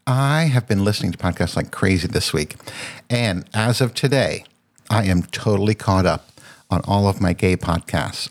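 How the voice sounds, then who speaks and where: A man hosting a casual solo podcast, rambling and searching for words with lots of ums. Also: low voice. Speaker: podcast host.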